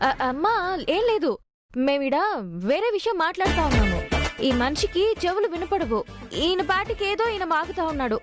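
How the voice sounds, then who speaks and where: A woman's voice: very high voice, big pitch swings, brisk. An actress playing a flustered young woman who nervously pleads and covers up, over background music. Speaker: daughter caught in a romance.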